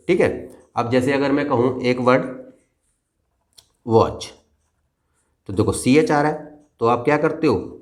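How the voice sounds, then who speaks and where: Man, teacher, patient, repetitive, checks understanding, mid-pitched voice. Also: a little mellow. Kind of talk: explaining a grammar lesson to children.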